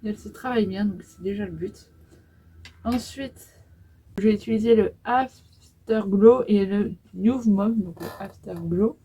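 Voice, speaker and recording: A woman's voice: medium pitch, measured pace, warm tone, husky, low-quality recording. A woman in her twenties talking through a makeup tutorial in a casual, hesitant way, with many fillers as she applies eyeshadow. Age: 20s. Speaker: beauty vlogger.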